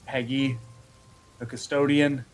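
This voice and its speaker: A man narrating a tabletop game as game master, slow and dramatic, easily moved to emotion. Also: medium pitch, flat delivery, faint music behind, poor audio.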